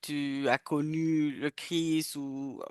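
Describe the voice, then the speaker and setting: A woman hosting a podcast, welcoming a guest and asking questions in a slow, friendly way with many fillers. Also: low-pitched, flat delivery, crowd noise. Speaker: podcast host. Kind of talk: casual interview talk.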